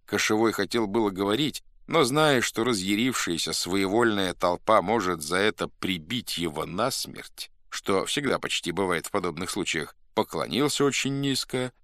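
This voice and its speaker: A man narrating a classic story in an expressive, theatrical reading. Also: fairly low pitch, normal speed, hardly any pauses, no room sound, clean studio sound. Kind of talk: scripted audiobook narration.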